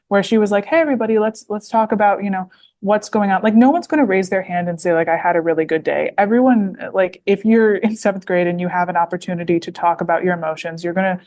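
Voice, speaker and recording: A guest author on a podcast, this American woman in her 20s rambles through the interview, constantly using fillers and restarting. She speaks in a fairly low-pitched, darkish voice.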